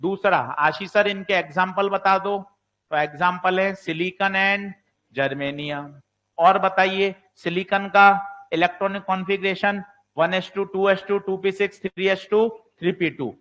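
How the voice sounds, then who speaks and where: A man's voice: high voice, fairly even intonation, unhurried, bright, forceful tone. A man teaches physics in an exam-prep lecture. He fires questions at his students and answers them himself. Now and then he takes the student's part to voice a doubt. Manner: plays the student voicing doubts.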